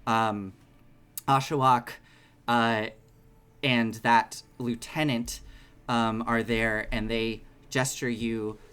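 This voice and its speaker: A man's voice: mid-range voice, level tone, takes it slowly, a bit bright, smooth. A man narrating as game master of a tabletop game, chatty and full of ums and restarts.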